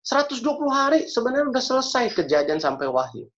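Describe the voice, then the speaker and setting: A man's voice: extremely high pitch, very animated, quick pace, fairly bright tone. A man preaching and praying as a pastor, speaking earnestly and repeating key phrases for emphasis. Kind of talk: sermon and prayer. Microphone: video call. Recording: dull lo-fi video call audio.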